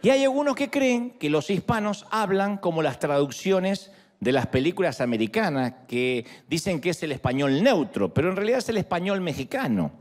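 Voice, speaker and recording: Argentine pastor guy preaching, voice swings up and down a lot, kinda high. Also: normal speed, long reverb tail. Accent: Argentine Spanish. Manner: animated, playful, rising to calls to the crowd. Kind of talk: sermon.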